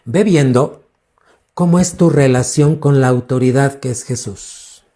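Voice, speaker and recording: A pastor teaching a sermon in a slow, deliberate way. His voice is dark and mellow. He stretches key words and throws questions at the congregation. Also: mid-range voice. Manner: preaching with questions to the congregation, drawn-out emphasis.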